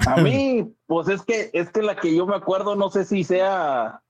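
A man spins a family anecdote for a radio chat show. His voice sits high for a man, and he laughs often while acting out every quote with lively energy. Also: a little slow, highs cut off. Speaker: radio co-host. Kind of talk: casual storytelling chat.

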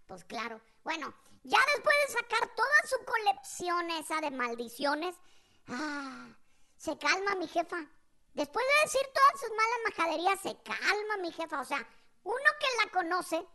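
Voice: extremely high pitch, pushed and bright. A podcast host with a Mexican accent telling a comic story in a chatty way, often asking ¿verdad?.

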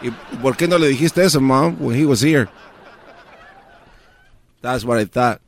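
A man's voice: medium pitch, measured pace, a little hiss or hum, natural voice. A man playing a cheeky bilingual teenage son in a radio comedy sketch, mixing Spanish and English. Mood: mouthy. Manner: mouthy, switching between Spanish and English.

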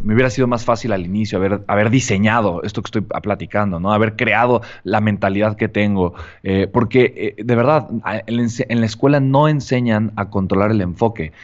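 A man hosts a podcast conversation, earnest and padded with fillers and tag questions. His voice sits low. The audio is slightly muffled and lo-fi. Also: a little fast, few pauses. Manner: earnest, many fillers and "¿no?" tags. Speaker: podcast host interviewing a guest.

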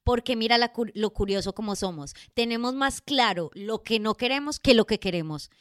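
A woman co-hosting a motivational podcast, speaking in a slow, playful way. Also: a little high, dry recording, studio quality. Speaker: podcast co-host. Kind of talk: casual podcast chat.

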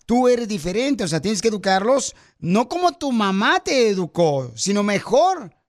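A man's voice: sits high, sing-song, moderate pace. A man hosting a radio talk show, chatty and teasing, with rambling restarts. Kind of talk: casual talk-show chat.

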